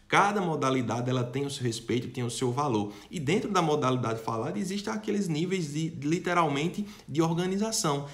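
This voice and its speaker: A young man teaching a lesson, asking rhetorical questions, answering them himself and checking in with his students. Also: mid-range voice. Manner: addresses students directly and checks in often. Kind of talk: online lesson.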